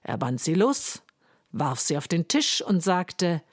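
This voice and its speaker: Slow, soft-spoken woman storyteller. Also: fairly low pitch, very animated, no room sound, studio quality. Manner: slow, soft, often half-whispered. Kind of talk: fairy-tale narration to children.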